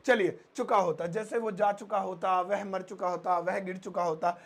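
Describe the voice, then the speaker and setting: Casting: high-voiced male tutor, explains grammar with playful everyday examples, slows down to repeat key phrases. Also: steady tone. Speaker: English teacher. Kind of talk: Hindi-language English grammar lesson.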